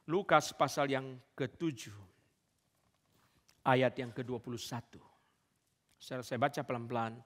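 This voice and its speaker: A male pastor preaching a sermon to his congregation, telling stories and often turning to address his listeners directly. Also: mid-range voice. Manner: storytelling, keeps addressing the congregation as "saudara". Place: church service. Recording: long church reverb.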